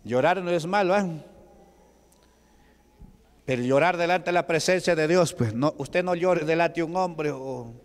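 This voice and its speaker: Brief: male pastor, slow and resonant, quizzes his flock, long church reverb. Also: fairly high pitch. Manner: asks the congregation rhetorical questions. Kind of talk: Pentecostal sermon. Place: church hall.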